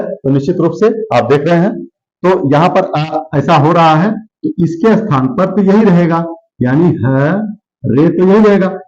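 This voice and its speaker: Speaking very slowly and deliberately, a man teaches grammar, repeating every word and answering his own questions. His slightly mellow voice sits a little high for a man, and the recording has a dull, lo-fi quality.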